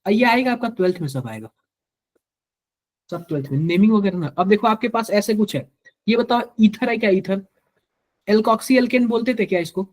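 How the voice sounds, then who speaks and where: A man's voice: high voice, fairly quick, pauses often. A man with a Hindi accent teaching chemistry to a live class, quizzing students and repeating each answer to drill it in.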